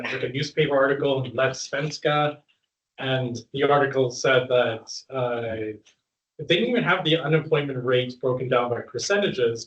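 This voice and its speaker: A Canadian man in his thirties speaking to a live audience as the guest, chatty and relaxed, laughing now and then. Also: mid-range voice. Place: room with an audience. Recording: dull, roomy sound from a distant mic.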